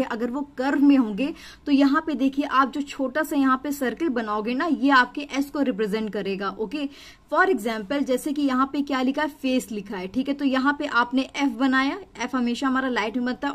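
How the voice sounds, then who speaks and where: A woman shorthand teacher, explaining each step patiently and repeating it with questions. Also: sits high. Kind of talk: explanatory lesson.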